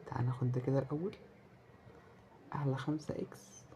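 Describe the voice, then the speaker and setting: A man with an Egyptian Arabic accent giving live commentary as he plays a slot game, muttering and pleading with it and breaking into loud cheers. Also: mid-range voice, quick pace, a little hiss or hum. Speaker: gamer playing a slot game.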